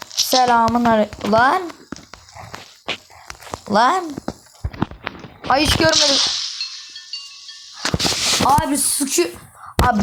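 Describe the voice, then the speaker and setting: Excitable young woman gaming commentary. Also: fairly high pitch. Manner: excitable, swears under breath, talks to viewers. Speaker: gaming YouTuber. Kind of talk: casual game commentary. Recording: noisy home recording.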